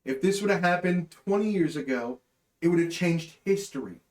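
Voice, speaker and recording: A man in his late twenties co-hosting a podcast, talking in an animated, teasing way as he builds up to jokes. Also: high voice, normal speed. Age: 20s. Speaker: podcast co-host. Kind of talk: casual chat. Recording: echoey room.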